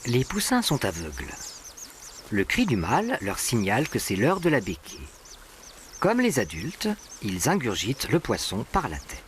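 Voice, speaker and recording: A man's voice: fairly low pitch, huge pitch swings, moderate pace, noisy background. A man reading scripted narration for a nature documentary. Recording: animal and bird sounds behind. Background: birdsong and natural ambience.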